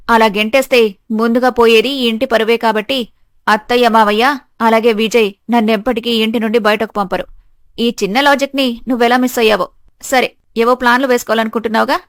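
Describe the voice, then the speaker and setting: A woman's voice: a little high, no room sound, studio quality, lightly acted. A woman voicing an earnest, wronged young daughter-in-law in a storybook tale. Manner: earnest, pleading.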